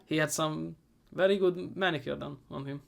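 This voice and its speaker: A man giving a comedic movie recap, sarcastic and profane, rambling and often trailing off into quieter asides. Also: fairly high pitch, steady tone, moderate pace, gravelly. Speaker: movie reviewer.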